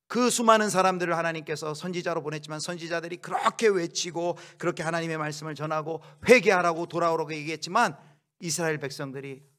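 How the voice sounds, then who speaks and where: A man preaching a sermon as pastor, shifting from quiet explanation to loud acted-out outbursts. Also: fairly high pitch.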